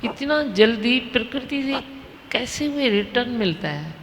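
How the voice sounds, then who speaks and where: A woman speaks slowly and leisurely, a spiritual teacher spinning a devotional story. Her voice is gravelly and a little low. It rings with the long reverb of a big hall. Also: expressive, fairly bright tone, a little hiss or hum. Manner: unhurried, vivid storytelling with quoted asides. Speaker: spiritual teacher leading a satsang. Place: large hall with an audience.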